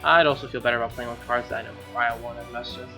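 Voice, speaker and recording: Racing through his words in a sharp, mid-range voice with fairly even intonation, a young gamer doing a playthrough reads the narration aloud and offers casual, slangy commentary, often sounding exasperated. Game music runs underneath on a dull lo-fi mic.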